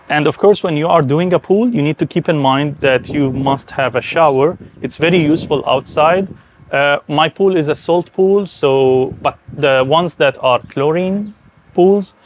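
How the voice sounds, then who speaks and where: A man with a slightly high voice and a Syrian Arabic accent speaks with enthusiasm in a conversational way. He's explaining things as he hosts an informal tour of a garden and villa. The audio is dull, with a little hiss or hum.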